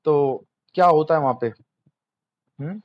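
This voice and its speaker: A man's voice: fairly high pitch, measured pace, no room sound, highs cut off. A young man teaching exam material in a casual lecture, chatty, quizzing students and answering himself.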